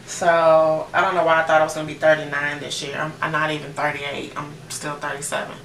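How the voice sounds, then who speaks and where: Talking casually through her makeup routine, an American beauty vlogger in her late thirties addresses viewers directly in a chatty, informal way. Her low voice turns gravelly at the edges, is brisk and a bit bright with little pitch movement, and is recorded from a distance in an echoey room with noticeable background noise.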